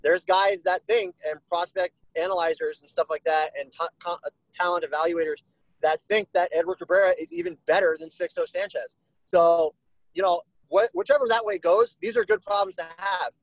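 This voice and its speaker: A man's voice: sits high, moderate pace, dry recording, rough recording. A man talking as a guest in a casual podcast chat, rambling with lots of "you know" fillers.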